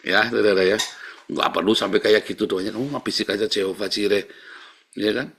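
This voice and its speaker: A middle-aged man preaching a sermon. He speaks emphatically, calls out to the congregation again and again, and swings between soft murmurs and loud exclaiming. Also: on the low side, fairly even intonation, fast talker, gravelly, slight background noise. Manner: emphatic, keeps calling out to the congregation. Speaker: pastor.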